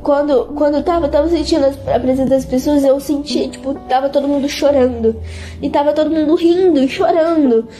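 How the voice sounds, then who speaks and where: High-voiced teenage girl, halting and earnest. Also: mellow, soft background music. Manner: earnest, halting, repeats words over and over. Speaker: interviewee. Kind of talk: emotional testimony.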